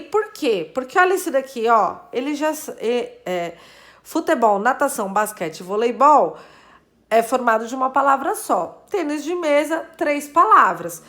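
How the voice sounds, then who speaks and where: A woman teacher talking casually to her students, thinking aloud and counting syllables and letters as she works through math puzzles. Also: sits high. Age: adult. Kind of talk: casual video lesson explaining math puzzles.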